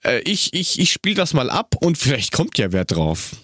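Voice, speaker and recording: A man's voice: medium pitch, wildly swooping pitch, moderate pace, a bit bright. A man hosting a sports show, moderating in a casual, chatty way. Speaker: show host.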